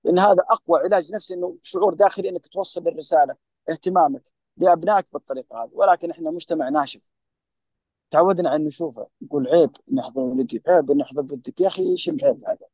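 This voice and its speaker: A man with a Saudi Gulf accent, a mental health specialist, talks as a podcast guest, passionately and preachily offering advice and often turning directly to the listener. He speaks very fast in a fairly high, slightly mellow voice; the recording is dry and low in quality.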